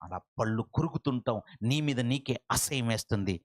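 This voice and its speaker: A middle-aged man preaching a fiery sermon, swinging from loud high cries to low hushed warnings and repeating his phrases for effect. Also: lively intonation, a little fast. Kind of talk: impassioned revival sermon.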